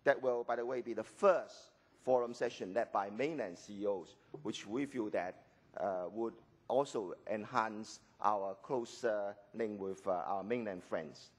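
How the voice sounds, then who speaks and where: A man from Hong Kong, losing his voice, gives a formal welcome speech as an executive director, measured and pausing with occasional "uh"s. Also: lowish voice, husky. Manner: measured, with frequent pauses and filler "uh"s.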